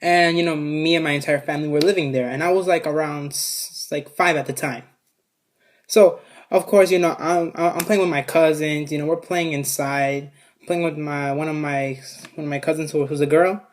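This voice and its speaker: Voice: medium pitch, fairly even intonation, normal speed. A vlogger tells a story to a camera set up in front of them. The talk rambles, with many restarts and fillers. It swears freely in a loose, casual storytime style.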